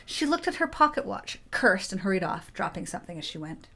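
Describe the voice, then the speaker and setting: A woman's voice: medium pitch, big pitch swings, a little fast, vocal fry, pushed and bright. A woman expressively reading the text of a story game aloud.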